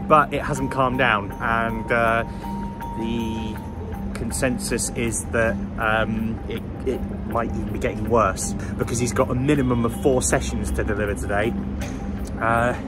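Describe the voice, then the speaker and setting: A man's voice: medium pitch, fairly even intonation, a little slow, over loud music. A man in his thirties presenting a casual vlog to a camera at arm's length. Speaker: vlogger.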